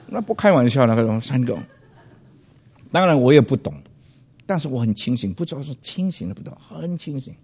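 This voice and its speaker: Loud husky older pastor telling a story. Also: male voice, medium pitch, normal speed, pauses often. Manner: loud and animated, mixing in English phrases. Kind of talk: testimony storytelling to an audience.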